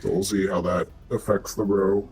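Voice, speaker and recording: A man's voice: deep voice, level tone, normal speed, darkish tone, faint music behind. A man chatting casually in a group, putting on a cowboy voice as he talks. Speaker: roleplay community member.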